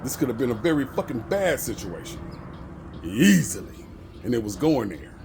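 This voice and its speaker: A man's voice: medium pitch, very animated, normal speed, gravelly, noisy background. A middle-aged man telling a profane story about work in a casual vlog rant. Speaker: bus driver.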